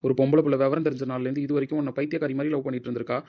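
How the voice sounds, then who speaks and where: A man's voice: mid-range voice, little pitch movement, very fast, muffled recording, close to an everyday voice. A man playing a pushy, insistent young friend who urges another to act, in an amateur audio drama. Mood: urgent. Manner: insistent, urging.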